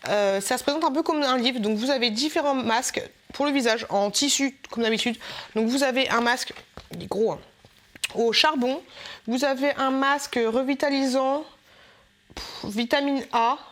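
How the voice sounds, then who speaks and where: A woman with a somewhat high voice talks her viewers through a shopping haul. She is chatty and joking, and often pauses on hesitant fillers before moving to the next item. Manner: chatty and playful, with hesitant fillers and self-mocking asides. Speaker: haul vlogger. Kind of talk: casual product haul chat.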